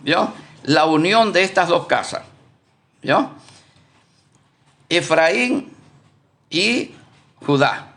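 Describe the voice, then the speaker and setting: A man giving a live-streamed Bible study. He speaks deliberately, repeats himself, corrects himself as he thinks aloud, and keeps checking in with his listeners. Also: fairly high pitch, lively intonation, a bit bright. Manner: deliberate, repetitive, often asks "¿Vio?".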